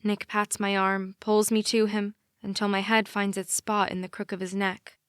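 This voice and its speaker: A woman's voice: mid-range voice, level tone, normal speed, fairly bright tone, clear, resonant tone, dry recording, clean studio sound. A woman narrating a young adult romance audiobook in the first person, with intimate, emotional storytelling.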